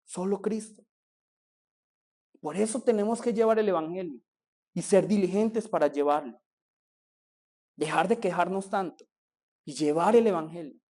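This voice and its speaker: A man's voice: high voice, normal speed, long pauses, a little mellow. Man preaching a sermon. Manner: preaching with rising emphasis, rhetorical questions, mock-whiny quotes. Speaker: pastor.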